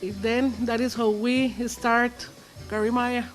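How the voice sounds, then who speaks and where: A woman from Guatemala who owns a shop, answering interview questions in a soft, simple way. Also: fairly high pitch, flat delivery, measured pace. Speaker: shop owner.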